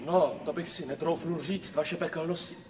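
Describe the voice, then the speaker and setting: A man doing a fawning servant devil, high voice, echoey room. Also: fairly even intonation, a little mellow, a little hiss or hum, lightly acted. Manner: fawning, deferential. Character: servile underling devil, flattering.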